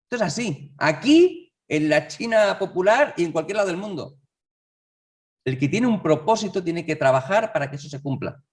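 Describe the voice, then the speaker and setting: Lively male preacher in a church. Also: high voice, moderate pace, recorded from a distance. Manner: lively, conversational preaching with rhetorical questions. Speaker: lay preacher. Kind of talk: sermon. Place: church hall.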